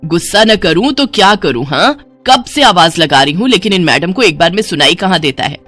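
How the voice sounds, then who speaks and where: A woman voicing a quick-tempered middle-aged mother who nags and scolds. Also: lowish voice, lively intonation, fairly bright tone, faint music behind. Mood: exasperated, scolding. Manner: nagging, exasperated.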